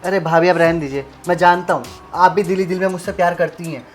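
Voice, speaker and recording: A man's voice: high-pitched, fairly even intonation, quick pace, faint music behind, close to an everyday voice. A young man playing a pushy brother-in-law who coaxes and wheedles in a melodramatic short film. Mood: coaxing. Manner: coaxing, wheedling.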